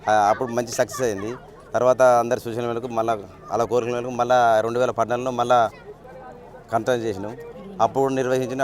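A man with a Telangana Telugu accent talks quickly to reporters outdoors. He is a fisherman and organiser, and he speaks plainly and informally, often starting over. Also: medium pitch, darkish tone. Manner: plain-spoken, with restarts and dialect words. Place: outdoors at a lakeside event.

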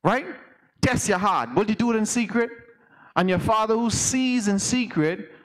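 High-voiced man preaching a sermon. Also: expressive, moderate pace. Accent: Bahamian. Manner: conversational preaching, asks the congregation questions. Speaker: elder preaching.

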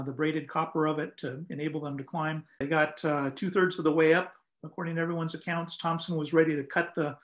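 Older man explaining history on a video call. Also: on the high side. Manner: measured, explanatory, frequent "um" and "uh". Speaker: lighthouse historian guest. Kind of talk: conversational historical account. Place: home room, indoors.

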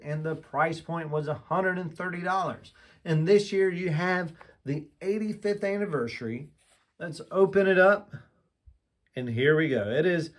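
A man reviewing a collectible lighter in a casual vlog, talking candidly and with enthusiasm, often restarting his sentences. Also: fairly high pitch. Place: room with shelves of lighters on display, indoors.

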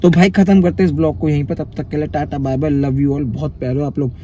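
Chatty young man with a dark voice. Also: fairly high pitch, flat delivery, fast, slight background noise. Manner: chatty, frequently addresses viewers as bhai. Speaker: vlogger. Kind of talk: casual storytelling to viewers.

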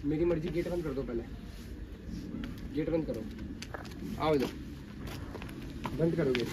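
Casting: forceful male prank host, urgent orders, light noise outdoors. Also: on the high side, takes it slowly. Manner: urgent, commanding. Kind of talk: staged street confrontation.

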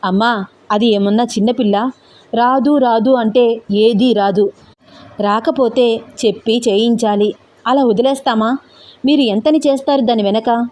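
A stern young husband who scolds and commands, as a woman narrator reads him. The tone stays mellow and dark. Told as an audio story. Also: fairly high pitch, steady tone, unhurried, pauses often, lightly acted.

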